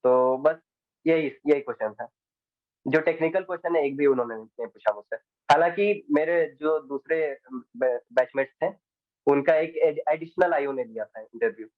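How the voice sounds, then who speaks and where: A teenage boy from India answers interview questions haltingly, restarting and slipping into English phrases now and then. The sound is thin and phone-like, and bone dry, as if it came over a video call. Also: on the high side, no echo. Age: teens. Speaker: interview guest, exam candidate. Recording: tinny dry phone-like line.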